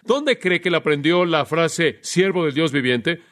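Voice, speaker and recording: A man preaching an expository Bible sermon in a lively way, putting rhetorical questions to his listeners. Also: fairly high pitch, a little slow. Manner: animated, asks rhetorical questions.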